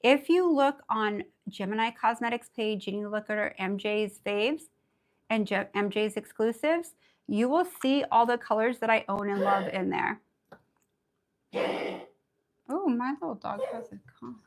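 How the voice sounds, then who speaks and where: A woman leads a casual nail art tutorial in a bubbly, excitable way. Her voice is raspy and gravelly because she is under the weather, and it sits a little high. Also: measured pace. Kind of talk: casual live tutorial chat.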